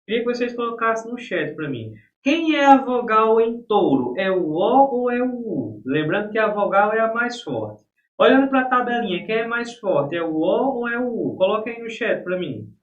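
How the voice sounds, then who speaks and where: A man's voice: sits high, animated, moderate pace. A man teaching a live online exam-prep class in a folksy, chatty way. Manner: folksy, talks to students as "gente" and "rapaz". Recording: echoey room, distant dull mic.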